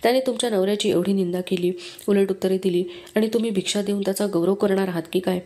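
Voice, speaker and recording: A harsh older village man who scolds with contempt, as a woman reads his lines. The voice stays mellow and unhurried. The man comes from a storybook reading. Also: medium pitch, steady tone, lightly acted. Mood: scolding.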